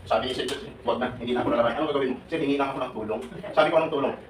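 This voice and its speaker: Fast-talking older man in a hall. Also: medium pitch, very noisy. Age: 70s. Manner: animated, joking, questioning the audience. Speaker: OFW advocate speaking to workers. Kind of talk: live seminar talk to a crowd. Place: large hall with an audience. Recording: echoey hall, voice from far off.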